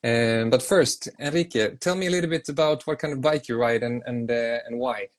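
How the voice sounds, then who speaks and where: A man's voice: medium pitch, normal speed. A man hosting a casual live interview, chatty and self-deprecating, often repeating words as he thinks. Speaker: interview host.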